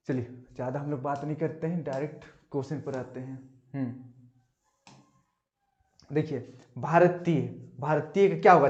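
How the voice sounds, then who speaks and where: A male tutor runs through exam questions one by one, prompting his viewers to answer in the comments and dropping in English phrases. His voice sits a little high for a man. The recording is dull and lo-fi. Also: a little mellow, reverberant. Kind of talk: online exam-prep lesson. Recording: dull lo-fi audio.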